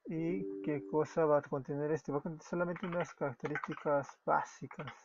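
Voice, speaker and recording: With a Peruvian Spanish accent, a fairly high-voiced man from Peru talks at a normal speed and with fairly even intonation through a screen-recorded coding tutorial as a web development tutor. His step-by-step explanation is punctuated by self-corrections and frequent apologies. The dull, lo-fi recording carries keyboard typing and background noise.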